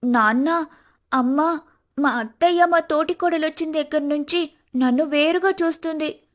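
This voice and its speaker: An arrogant young daughter-in-law snaps back in a high, sharp voice, as a woman puts her on. She sounds sarcastic and sulky. The story is an animated family tale. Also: close to an everyday voice. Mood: tearful.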